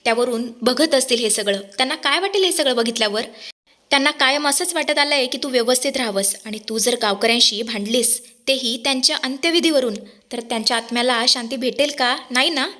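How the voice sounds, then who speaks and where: A woman reading the part of a calm young man who soothes and reasons gently. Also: sits high, fairly quick. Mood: soothing.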